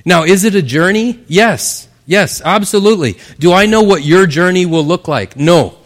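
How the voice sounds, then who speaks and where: A man's voice: high-pitched, animated, normal speed. A man preaching a sermon in an earnest, conversational way, often asking his listeners "right?". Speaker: pastor.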